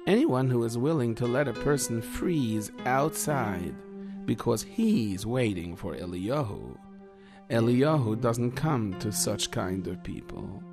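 Man as a slow, solemn old sage rabbi. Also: medium pitch, expressive, over music, pitched below the performer's own voice. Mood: solemn, reproving. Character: grave, calm old sage rabbi giving reproof.

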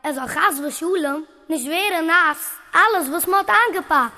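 A woman doing an excitable chatty camp girl. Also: very high-pitched, moderate pace, big-room sound. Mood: excited.

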